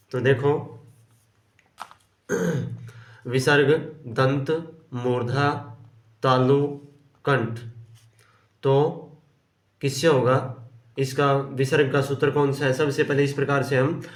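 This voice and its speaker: A man's voice: medium pitch, roomy sound. A man teaching Hindi grammar, going through quiz questions and patiently repeating each answer. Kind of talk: explaining quiz questions on pronunciation.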